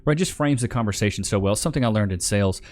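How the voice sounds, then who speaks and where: This reaction-video host speaks very fast in a fairly low, slightly mellow voice. He reacts to online clips in casual, emphatic, slang-heavy streamer commentary.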